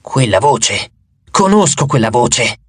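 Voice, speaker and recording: A man voicing the weary ghost of a boy hero, speaking slowly in a dry, papery voice. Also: mid-range voice, big pitch swings, breathy edge, dry recording, pitched below the performer's own voice, full character voice. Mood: puzzled. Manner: slow, subdued delivery.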